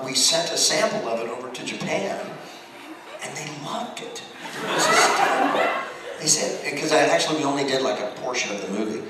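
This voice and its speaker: On a convention panel, an American voice actor with a mid-range voice tells informal anecdotes, animatedly acting out bits of dialogue. The mic is distant, and the hall is very echoey and noisy.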